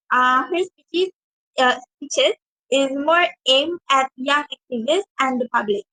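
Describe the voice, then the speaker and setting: A woman's voice: sits high, sharp tone, no echo, poor audio. A young woman presenting her part of a university class talk, reading notes with many fillers and restarted words. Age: young adult.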